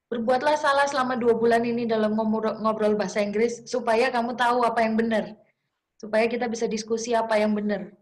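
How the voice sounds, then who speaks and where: A young woman teacher gives an informal class lecture, talking in a chatty, encouraging way with many fillers and restarts. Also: on the high side. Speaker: English teacher.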